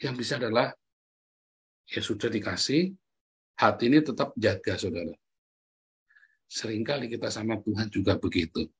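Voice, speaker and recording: A husky man preaches with a lot of life. His pitch keeps jumping upward when he drives a point home. He turns to his listeners again and again with direct questions. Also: moderate pace, long pauses. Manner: animated, jumps high in pitch for emphasis, keeps calling out "saudara". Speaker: pastor. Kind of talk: lively sermon addressing the congregation.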